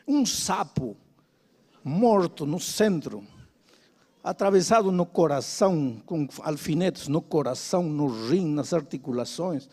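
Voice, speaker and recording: A man's voice: a little high, mellow, long reverb tail. An older man preaching a sermon, repeating his phrases with emphasis and telling a dramatic story.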